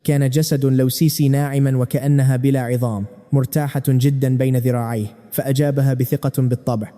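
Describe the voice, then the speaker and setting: A man narrating a comic story recap briskly. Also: mid-range voice, level tone, mellow, in a large hall. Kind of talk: fast manhwa recap narration.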